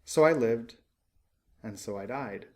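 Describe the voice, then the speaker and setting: A golden storybook statue of a dead prince, read by a man, solemn and gentle. The voice is musical and mid-pitched, full of wistful sorrow. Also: slow pace, close to an everyday voice. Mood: sorrowful. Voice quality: low, musical. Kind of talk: storybook character voice.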